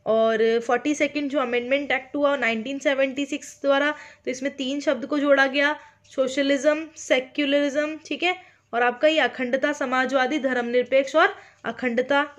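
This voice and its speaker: A woman with an Indian accent and a high voice gives an online exam-prep lecture. She talks slowly and deliberately, keeps checking that her students follow, and drops English terms into her explanations. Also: a bit bright. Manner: speaks slowly on purpose, checking in with listeners often. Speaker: teacher.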